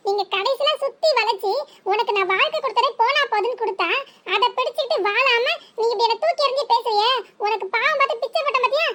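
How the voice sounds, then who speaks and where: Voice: very high-pitched, fast, pushed and bright. Someone voicing a taunting young village wife. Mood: indignant. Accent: southern Tamil Nadu. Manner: taunting, mocking. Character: sharp-tongued young village wife, defiant. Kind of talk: cartoon voice acting.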